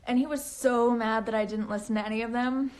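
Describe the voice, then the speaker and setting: This author livestreams from home on her phone, reading fan comments in a casual chat. Her voice is a little high, a little mellow and a little fast, with fairly even intonation, and she talks in a jittery valley-girl way, packed with fillers and restarts.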